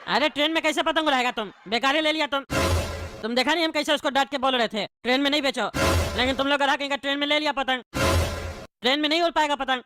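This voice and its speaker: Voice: high voice, fast talker, over music, natural voice. Voice doing a grumpy bald train uncle. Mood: scolding. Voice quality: scolding, impatient. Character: grumpy bald middle-aged male train passenger. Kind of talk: cartoon comedy.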